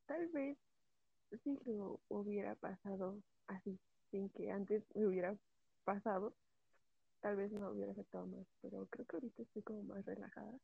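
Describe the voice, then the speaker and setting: Raspy young woman on a tinny line. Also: mid-range voice, normal speed, dry recording. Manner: animated storyteller with laughs and voiced quotes. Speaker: guest. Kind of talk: casual chat.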